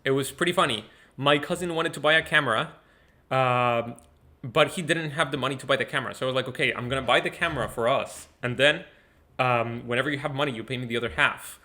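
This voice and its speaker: A man's voice: medium pitch, fast. Young man from Ecuador, chatty guest. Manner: relaxed, chatty, frequent fillers and repeats. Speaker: guest musician. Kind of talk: casual interview talk.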